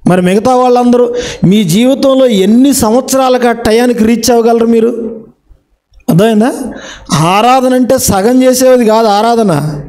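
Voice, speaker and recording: A man's voice: very high voice, moderate pace, a little mellow. A middle-aged man from India preaching in church, questioning the congregation with rhetorical questions. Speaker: pastor. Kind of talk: Telugu sermon.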